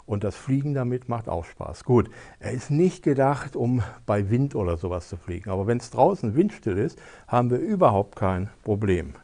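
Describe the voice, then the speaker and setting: A man's voice: mid-range voice, very animated, moderate pace, warm tone. A man hosting a tech advice show, casually demonstrating a gadget step by step with frequent hesitation fillers.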